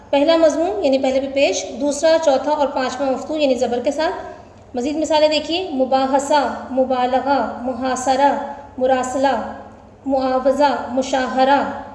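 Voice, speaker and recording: A woman teaching pronunciation, deliberately spelling out the vowel marks of each word in a list. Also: high-pitched, steady tone, a little mellow. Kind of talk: pronunciation lesson. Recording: echoey room with long reverb.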